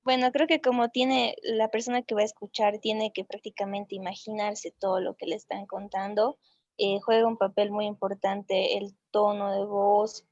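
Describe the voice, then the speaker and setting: A woman student answers her teacher in class, hesitant and restarting her words. Her voice is gravelly with little rise and fall. It comes through a dull, lo-fi online call with dry sound. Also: medium pitch, little pitch movement, normal speed, darkish tone, dry recording.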